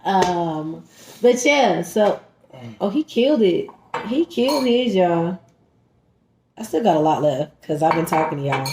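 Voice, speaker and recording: A woman vlogger telling a story in casual chat, animated and emphatic, talking straight to her viewers as "y'all" while eating at home. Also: on the low side, a little slow, long pauses, slight background noise. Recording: roomy echoey room.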